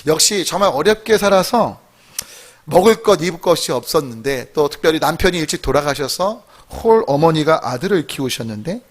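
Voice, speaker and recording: A man's voice: on the high side, lively intonation, fairly quick. A man pastor preaching a sermon, telling a story and questioning the congregation. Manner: rises to emphatic exclamations.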